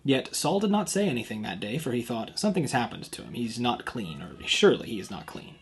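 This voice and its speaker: A man's voice: medium pitch, sing-song, quick pace, a little hiss or hum. A man giving a devotional talk as a youth pastor, reading the passage aloud and stopping to explain it in plain words. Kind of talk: devotional scripture reading and commentary.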